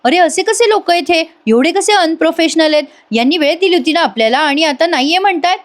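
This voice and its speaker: A woman's voice: extremely high pitch, animated, quick pace, pitched above the performer's own voice. A woman voicing a frustrated young woman in a serial recap, scolding and fed up. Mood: exasperated. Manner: exasperated, scolding outbursts.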